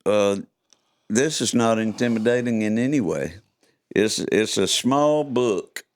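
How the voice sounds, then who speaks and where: An older man hosts a podcast mixing casual chat with read-aloud storytelling, reading his own stories in a folksy, chuckling, playful way. His voice is fairly low and a little slow.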